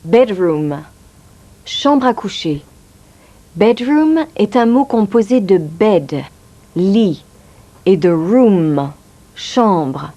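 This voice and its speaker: A woman explains English pronunciation at a very slow, deliberate pace. Her mid-pitched voice rises and falls expressively as she models each word. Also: sing-song, dark tone. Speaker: language teacher. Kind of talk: scripted language lesson.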